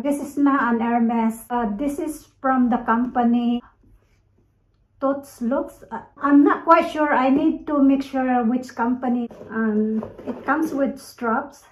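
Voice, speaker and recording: A Filipino woman with a Filipino accent and Tagalog as her first language, chatting casually to viewers as a vlogger in a roomy, echoey indoor space. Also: a little high. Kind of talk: casual vlog chat to viewers.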